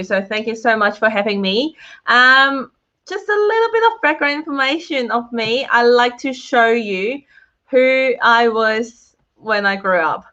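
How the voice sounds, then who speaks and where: A woman's voice: a little high, sharp tone, highs cut off. Cheerful woman presenting over a video call. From Hong Kong. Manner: cheerful, laughs often, speaks to viewers in the chat. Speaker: guest speaker. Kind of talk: online presentation with slides.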